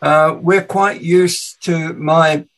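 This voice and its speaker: A man's voice: on the high side, fairly even intonation, very slow, fairly bright tone, poor audio. A male podcast host with a mixed English and Danish accent, chatting casually and musing aloud. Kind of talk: casual radio chat.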